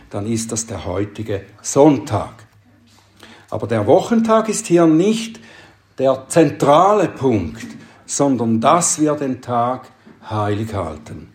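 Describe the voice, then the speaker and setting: Male preacher, sermon, slow deliberate delivery, stresses key words, echoey room. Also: medium pitch, a little mellow.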